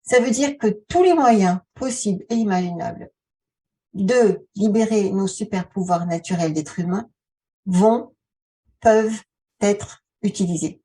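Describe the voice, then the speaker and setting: A woman talking casually to her viewers as a video host, halting and conversational, often posing rhetorical questions. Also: mid-range voice, warm tone, breathy edge, recorded from a distance. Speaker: video channel host, author and relaxation therapist. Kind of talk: casual vlog talk addressed to the viewer.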